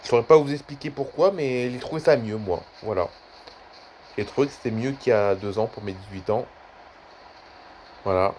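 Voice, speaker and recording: A man's voice: mid-range voice, normal speed, long pauses, a little mellow, slight background noise. A man in his twenties chatting casually in a vlog, rambling and repeating himself often. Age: 20s. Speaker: YouTuber.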